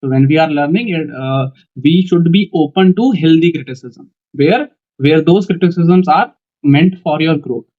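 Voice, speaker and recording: A young man with an Indian English accent giving a coaching lecture, speaking in a calm, measured way and often repeating "okay" between points. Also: on the high side. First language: Hindi. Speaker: teacher for defence exam interviews. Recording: dull lo-fi sound.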